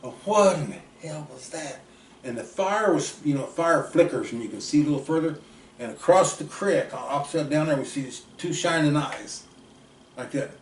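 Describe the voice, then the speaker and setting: A man's voice: a little high, moderate pace. Old guy from rambling thru a story, roomy sound, mic kinda far off. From southeast Kansas. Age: 70s. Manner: folksy, drifting, trails off quietly at ends. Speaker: uncle telling stories. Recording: roomy, distant mic, faint background noise.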